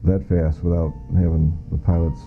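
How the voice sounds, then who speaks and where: Speaking at a normal pace with little movement in pitch, this low-voiced middle-aged American man recounts what he saw firsthand. He's a former air traffic controller interviewed as a witness, talking plainly and matter-of-factly. The muffled, lo-fi recording carries soft music underneath.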